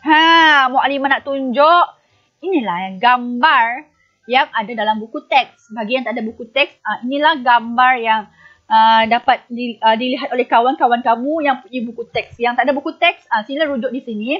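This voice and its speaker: A woman's voice: a little high, normal speed, highs cut off. A woman primary school teacher giving a recorded online lesson, patiently asking the pupils questions and answering them herself.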